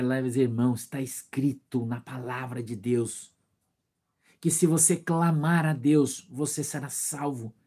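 Speaking with a Brazilian Portuguese accent, this pastor has a somewhat high, darkish, slightly rough voice. His sermon includes small acted-out scenes, rhetorical questions, and greetings to churchgoers by name.

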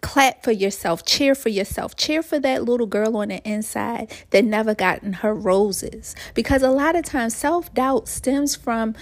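A woman's voice: a little high, measured pace, few pauses. A woman life coach hosting a podcast, giving a motivational talk in an emphatic way, repeating her phrases and calling her listeners y'all and honey.

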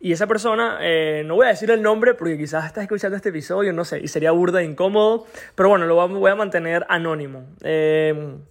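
High-voiced man hosting a podcast. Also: fast talker. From Venezuela. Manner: chatty storyteller, keeps checking in with the listener. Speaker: podcast host. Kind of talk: casual podcast monologue.

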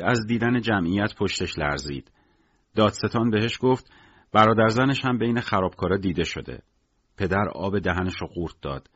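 A man's voice: low-pitched, slightly rough, no echo. A man narrating a novel in a colloquial storytelling manner, his delivery rising and falling. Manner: colloquial storytelling, lively rises and drops. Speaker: audiobook narrator. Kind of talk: scripted narration. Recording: dull, dry lo-fi recording.

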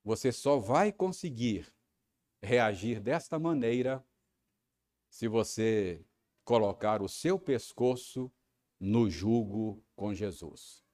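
A man's voice: fairly low pitch, animated, takes it slowly, a little mellow. A man with a Brazilian Portuguese accent preaching a sermon, telling a personal story with frequent tag questions. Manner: storytelling, acting out his own angry rehearsal. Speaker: pastor.

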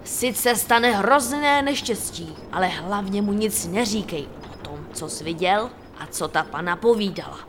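A woman's voice: mid-range voice, expressive, natural voice. An actress voicing a cunning, scheming old witch in an audio fairy tale, speaking in a sly, wheedling way with menacing asides. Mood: conspiring. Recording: long hall reverb, faint noise.

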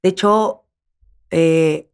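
A woman's voice: deep voice, extremely slow, clean tone. A woman in her thirties with a Mexican accent, a guest actress in a casual interview, talking emphatically and repeating words for stress.

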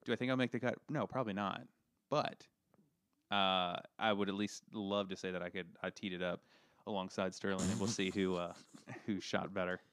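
A man's voice: deep voice, steady tone, moderate pace, fairly bright tone, smooth, no room sound, clean studio sound. A man co-hosting a casual podcast chat, rambling with lots of fillers and poking fun at himself. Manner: rambling, filler-heavy, self-deprecating. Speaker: podcast co-host.

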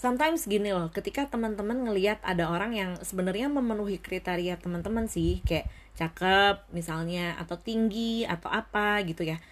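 A young woman talking casually to her viewers in a reflective vlog, often dropping English phrases into her speech and pausing to think. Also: medium pitch. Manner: thoughtful, pauses with many fillers. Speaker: vlogger.

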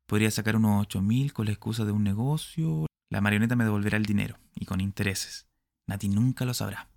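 A man voicing a middle-aged husband in a storybook reading, who moves from quiet scheming to alarmed shouting. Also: lowish voice, fast talker, vocal fry, no echo, studio quality.

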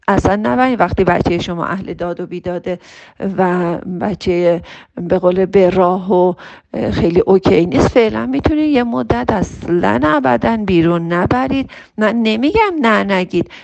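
Gravelly-voiced woman giving parenting advice. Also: mid-range voice, dry recording. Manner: warm, coaxing, addresses listeners as dear. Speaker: parenting advisor.

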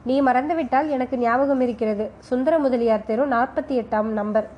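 A woman's voice: high-pitched, normal speed, muffled recording, lightly acted. A woman voicing a clever young woman who speaks in a sarcastic, self-assured way. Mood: mocking, sure.

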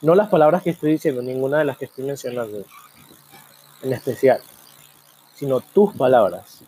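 A man hosting a program, talking in a reflective monologue full of rhetorical questions and slow, drawn-out pauses. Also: medium pitch, warm tone, slight background noise. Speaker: program host.

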